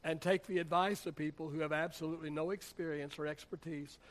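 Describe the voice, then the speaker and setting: A man's voice: on the high side, fairly even intonation, quick pace. A man, a pastor, preaching a sermon in a church in a conversational, humorous storytelling way. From United States.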